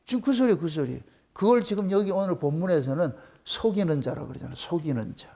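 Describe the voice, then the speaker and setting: A man's voice: fairly high pitch, animated, brisk, dark tone. A male pastor with a Gyeongsang Korean accent, preaching a sermon in an emphatic, mocking way, full of rhetorical questions.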